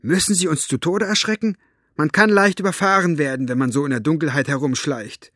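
A man's voice: a little high, fairly quick, no room sound, clean studio sound, voice pushed up, natural voice. Man voicing a brusque, scolding older woman. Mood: indignant. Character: gruff older woman, sharp-tongued book lover.

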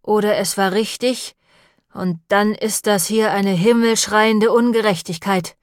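A woman's voice: medium pitch, steady tone, unhurried, no room sound, studio quality, lightly acted. A woman reading the lines of a grim, cold-tempered butcher in an audiobook, speaking level and matter-of-fact. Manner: level and matter-of-fact, turning quiet and menacing.

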